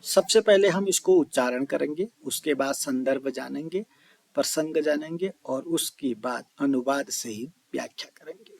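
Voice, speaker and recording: Male teacher, high-pitched, unhurried, quizzes the class and answers himself; chants verse lines slowly. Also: creaky, darkish tone, no room sound. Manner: addresses listeners as children, asks and answers own questions. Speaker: Sanskrit teacher. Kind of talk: classroom explanation video.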